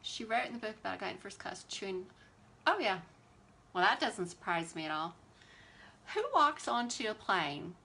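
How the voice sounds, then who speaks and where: A woman's voice: mid-range voice, brisk, creaky, sharp tone, slightly rough. A woman, chatting animatedly and with exasperated sass while hosting a beauty livestream. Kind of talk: casual livestream chat while doing makeup.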